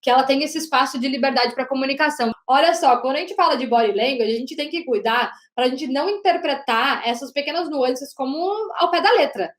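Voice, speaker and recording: A woman teaching an online lesson on body language as a communication coach, talking loudly and emphatically and often checking in with the audience. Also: sits high, brisk, few pauses. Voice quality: loud, projecting voice. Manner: emphatic, with frequent "né?" and "gente". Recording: roomy echo.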